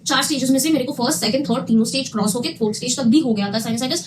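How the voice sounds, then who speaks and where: Young woman, high pitch, quick storytime delivery, emphatic repeats, faint room noise. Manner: emphatic, repeats phrases, mixes Hindi with English. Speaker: vlogger telling her own health story. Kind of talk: casual storytime monologue.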